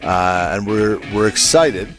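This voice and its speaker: A man's voice: lowish voice, animated, slow pace, music in the background. A man hosting a podcast in a casual, enthusiastic way, rambling with fillers and restarts. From Canada. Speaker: podcast host. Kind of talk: casual interview chat.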